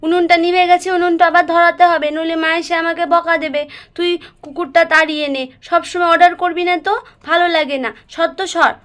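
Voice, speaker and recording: High-voiced woman scolding as a big sister. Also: level tone, brisk. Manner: scolding, bossy, then soft and soothing. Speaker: doll story narrator and voice of the big sister. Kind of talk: scripted doll story acting.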